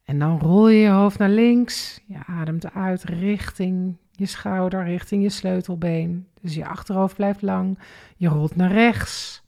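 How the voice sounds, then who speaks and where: A woman calmly guiding a relaxation and breathing exercise step by step, counting the breaths. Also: fairly low pitch, creaky. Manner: slow, calm step-by-step guidance with counted breaths. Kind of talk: guided exercise instruction.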